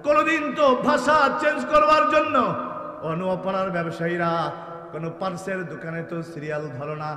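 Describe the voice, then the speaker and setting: A man preaching a sermon, chanting verses melodically, building to shouts and calling on the crowd to answer aloud. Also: high voice, fairly quick. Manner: calls on the audience to answer aloud. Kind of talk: Islamic sermon. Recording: echoey hall, long reverb, PA sound.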